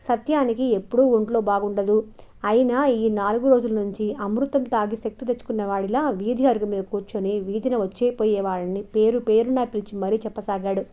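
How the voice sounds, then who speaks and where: A woman storyteller narrating a novel as an audiobook in a steady, expressive reading. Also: mid-range voice, lo-fi sound.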